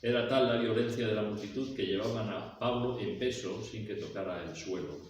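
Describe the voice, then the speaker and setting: A man with a fairly low voice preaches, reading scripture and then explaining it with questions put to his listeners. He sounds far from the microphone in a strongly echoing church hall. A faint background noise sits under his voice. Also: normal speed. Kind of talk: expository sermon.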